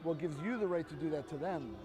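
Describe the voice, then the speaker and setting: A man with a fairly high voice talks quickly as he tries to persuade a passerby outdoors on a city street, music playing in the background. He is a street activist with an earnest, emphatic way of speaking.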